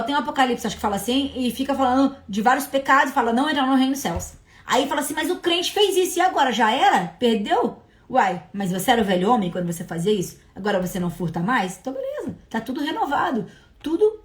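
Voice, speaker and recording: A woman from hosting a casual livestream Bible study, talking in an animated, chatty way. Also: high voice. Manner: animated, chatty, breaks into laughs. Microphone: livestream mic.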